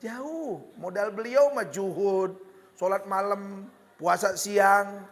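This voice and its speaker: A man with a Betawi accent preaching a lively, joking sermon, slipping into Betawi slang. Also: sits high, slow, in a large hall. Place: hall with religious gathering.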